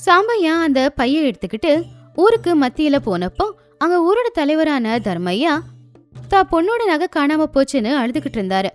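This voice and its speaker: A woman narrating an animated moral story in a clear, storytelling manner. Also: high voice, moderate pace, soft background music.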